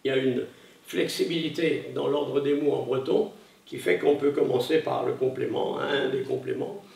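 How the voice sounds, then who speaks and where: Gravelly man lecturing in an echoey hall. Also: mid-range voice, normal speed, darkish tone, distant mic. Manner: hesitant, many fillers and restarts. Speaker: conference speaker. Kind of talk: public lecture. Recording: echoey room, voice from afar.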